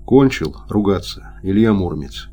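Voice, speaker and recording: A calm older army orderly, played by a man with a slightly husky bass, low and unbothered. he speaks slowly and offhandedly, brushing off complaints without raising his voice. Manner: calm, unhurried, dismissive.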